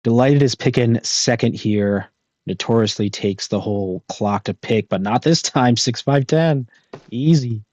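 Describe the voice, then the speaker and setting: A man hosting and commentating a live board game match, analytical and quick to laugh. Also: medium pitch, a little mellow, no room sound, lo-fi sound. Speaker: commentator and host.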